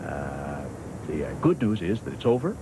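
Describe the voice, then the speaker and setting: Male actor: slippery retired statesman, deep, halting, comic, noisy recording. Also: very animated. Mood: evasive. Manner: halting, smooth-talking hesitations. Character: evasive, oily deep-voiced male ex-prime minister. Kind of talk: political sketch comedy impression. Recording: noisy location sound.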